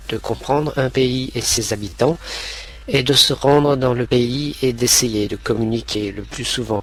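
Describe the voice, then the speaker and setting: A man narrating a scripted language lesson in a slow, clear, carefully pronounced way. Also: medium pitch, a bit bright.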